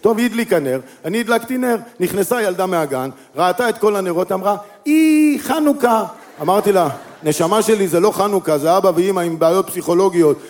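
A middle-aged man with a high voice performs stand-up, spinning a long comic tale. He jumps between his own voice and quick impressions of the people in the story, his pitch leaping up and down as he goes. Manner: animated storyteller acting out quoted voices with big pitch swings. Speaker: stand-up comedian.

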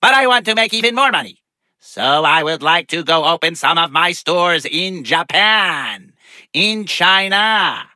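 A man's voice: high-pitched, lively intonation, a little slow, bright, forceful tone, no room sound, full character voice. A man voicing a pompous, boastful rich businessman in a children's story, talking grandly and sprinkling in Hebrew words.

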